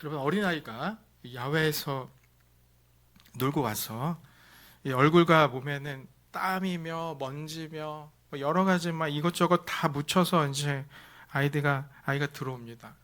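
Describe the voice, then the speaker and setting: A male pastor delivering a Sunday sermon in a bright, forceful voice that sits a little high for a man. He stresses key phrases with repetition, building up loud and then dropping to near-hushed lines. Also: measured pace. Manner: preaching with repeated stress and swings between loud and hushed delivery.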